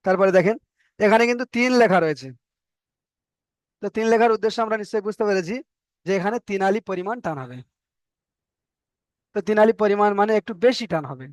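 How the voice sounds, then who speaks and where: A Quran reading teacher with a Bengali accent and a fairly high voice patiently walks through Arabic letters step by step in an online lesson. He repeats each letter name and draws out the vowels to show proper length, and the recording is close and dry with no room sound.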